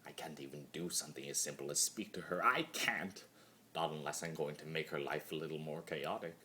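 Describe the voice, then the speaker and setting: In a theatrical fan-fiction monologue, a man voices a mad, immortal chaos spirit torn between glee and brooding. His very deep voice is brisk, bright and forceful, yet pushed down into a hushed, brooding register.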